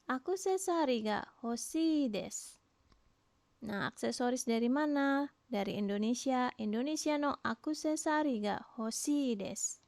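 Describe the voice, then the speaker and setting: A woman teaching a language lesson, explaining patiently and modelling each phrase slowly, with questions rising at the end. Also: high-pitched, lively intonation, darkish tone, dry recording. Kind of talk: recorded online lesson.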